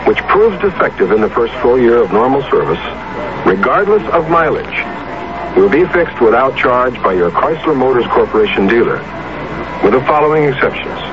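Animated, confident American spokesman, played by a man. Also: mid-range voice, normal speed, close to an everyday voice. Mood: assured. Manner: crisp, unruffled, concise answers. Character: confident, matter-of-fact male car company spokesman. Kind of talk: scripted radio advertisement. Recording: noisy, muffled 1970s radio advert.

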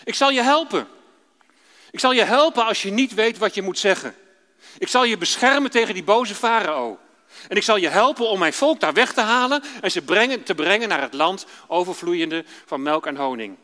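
A man voicing God as a kind male figure who gently comforts and promises to help. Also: sits high, animated, normal speed, in a large hall. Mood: reassuring. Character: kind, reassuring male God speaking to a prophet.

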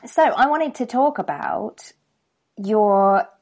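A woman hosting a podcast, chatty and friendly in a relaxed interview. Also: medium pitch, slow pace. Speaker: podcast host.

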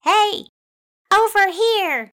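A woman voicing a brave young female mouse warrior in a storybook, shouting in a high voice. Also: extremely slow, full character voice. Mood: taunting.

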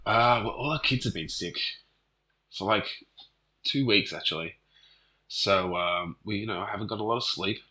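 A very low-pitched man with a strikingly bright, sharp tone, talking with a head cold. He co-hosts a casual parenting podcast, telling jokey stories in a loose, rambling way. He sounds like a dad in his thirties. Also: moderate pace, pauses often, low-quality recording. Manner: chatty, jokey, loose storytelling with fillers. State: has a cold. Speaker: podcast co-host. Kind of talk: casual chat.

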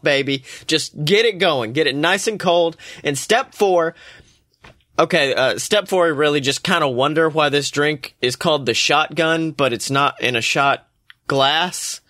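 A man's voice: fairly high pitch, bright, forceful tone, dry recording, clean studio sound. A man narrating a story and giving a drink recipe in a casual, joking, irreverent way, with the odd swear word.

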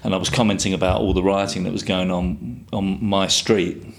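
A man's voice: low-pitched, steady tone, normal speed, gravelly. A man, chatting casually as a guest and telling rambling stories with plenty of swearing. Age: 50s. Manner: rambling storyteller, swears freely. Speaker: guest artist. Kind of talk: casual chat.

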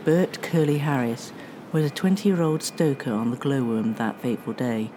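On a radio history program, a woman with an extremely low, warm voice reads her script deliberately, easing off the pace whenever a line turns dramatic. A little hiss or hum runs underneath.

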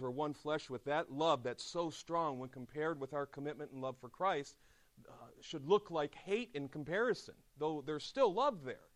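A middle-aged man preaching a chapel sermon, telling stories with lively asides. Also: medium pitch. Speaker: pastor. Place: seminary chapel.

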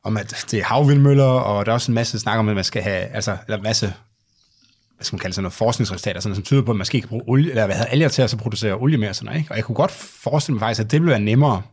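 A man with a fairly low voice takes part as co-host in a casual podcast conversation. He builds his thoughts slowly, filling pauses with "uh"s and restarting phrases as he hunts for the right word. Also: darkish tone, slightly rough. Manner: hesitant, full of 'uh' fillers while searching for words.

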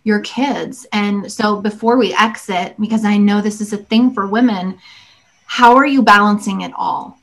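A woman's voice: mid-range voice, fairly even intonation, normal speed, creaky, a bit bright. A woman podcast host chatting with her guest over a video call, effusive and gushing with praise. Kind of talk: casual interview chat.

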